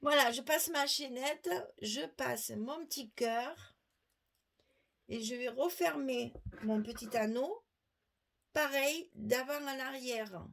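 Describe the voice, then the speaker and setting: A woman's voice: high-pitched, slow pace, vocal fry, fairly bright tone. A middle-aged woman giving a step-by-step craft demonstration at her worktable, chatting to viewers as she works. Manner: chatty, explains while working, asides to viewers. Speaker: crafting tutorial host.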